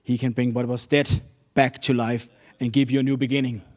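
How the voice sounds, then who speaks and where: A man's voice: mid-range voice, flat delivery, a little fast, a little mellow. Earnest man preaching a sermon. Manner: earnest, storytelling with non-native English phrasing.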